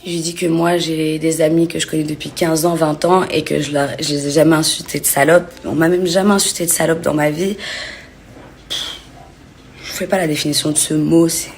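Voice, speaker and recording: A woman in her thirties telling a personal story to camera in an earnest, shaken way, often dropping to a hushed near-whisper. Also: deep voice, little pitch movement, a little fast, a little hiss or hum. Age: 30s. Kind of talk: emotional personal account to camera.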